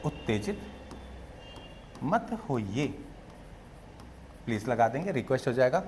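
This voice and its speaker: A man with a Hindi accent teaching spoken English, explaining slowly and repeating each phrase in Hindi and English. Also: mid-range voice, very animated, background noise. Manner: slow and patient, repeating phrases, switching between Hindi and English.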